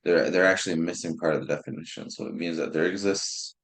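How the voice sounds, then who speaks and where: A man's voice: low-pitched, fast talker. A young man teaching a math class in an informal way, often restarting words and thinking aloud. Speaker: math instructor. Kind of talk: recorded lecture. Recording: roomy echo.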